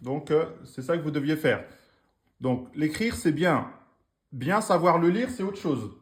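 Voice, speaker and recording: Slow, patient male teacher. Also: a little high, expressive. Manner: patient, slow and repetitive, sounding out syllables. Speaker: Arabic and Quran reading teacher. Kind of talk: live online lesson.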